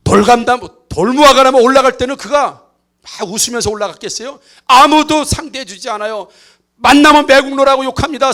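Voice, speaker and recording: A man with a very high voice preaches from the pulpit of a church. His delivery is animated and playful, and he drops into other voices to act out characters. He keeps calling on the congregation to respond. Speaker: pastor. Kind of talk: lively Easter sermon with acted asides. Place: church sanctuary.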